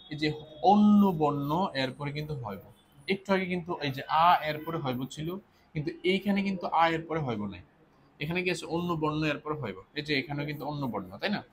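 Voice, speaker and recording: A man's voice: on the high side, slight background noise. A man teaching an exam-prep lesson, explaining step by step, repeating key points and answering his own questions.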